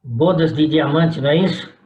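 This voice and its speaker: A man in his eighties from São Paulo, with a Paulistano accent, recalling his family history slowly and deliberately in an interview. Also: a little high, lo-fi sound, background noise. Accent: Paulistano Brazilian Portuguese. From São Paulo, Brazil. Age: 80s. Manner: slow, deliberate recollection. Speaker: retired pastor.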